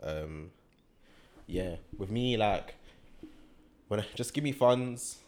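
A young man with a lowish voice and a London roadman accent. His intonation moves around a lot, and he banters casually in heavy slang as a podcast co-host. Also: lively intonation, slow, darkish tone. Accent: London, urban slang-heavy roadman. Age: young adult. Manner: slangy, repeats short agreements.

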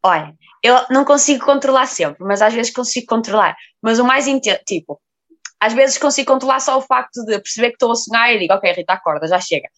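A young woman with a European Portuguese accent, telling a dream story in casual group chat. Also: fairly high pitch. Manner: animated, quick storyteller.

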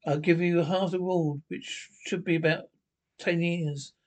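An actor voicing a stubborn, blustery middle-aged caveman husband in a cartoon, loud and gruff. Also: a little high, fairly even intonation, unhurried, natural voice. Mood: boastful. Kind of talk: cartoon voice acting.

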